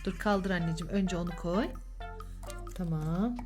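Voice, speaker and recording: A woman's voice: on the low side, fairly even intonation, moderate pace, a little mellow, soft background music. A woman hosting a children's vlog as a mother, chatting playfully and coaxing with sing-song questions. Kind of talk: playful casual chat with a child and viewers.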